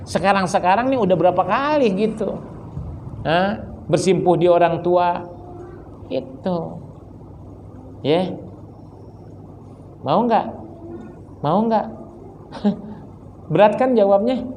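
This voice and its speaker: A man's voice: high-pitched, a little mellow, a little hiss or hum. A man with a Betawi Jakarta accent preaching a sermon, joking and acting out little dialogues in different voices. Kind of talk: Islamic study sermon.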